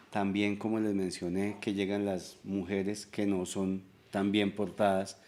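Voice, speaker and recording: Man, fairly deep voice, candid personal testimony, unhurried confessional talk. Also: a little mellow. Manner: reflective, confessional, with hesitant restarts. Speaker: testimony guest. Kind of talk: casual spoken testimony.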